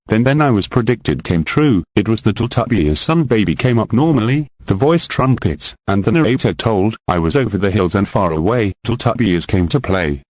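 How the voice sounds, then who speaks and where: A young man reading a horror creepypasta aloud, halting and stumbling over the words. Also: fairly low pitch, no room sound. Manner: halting, stumbling read with slips and repeats. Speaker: creepypasta narrator. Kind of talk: amateur horror story reading.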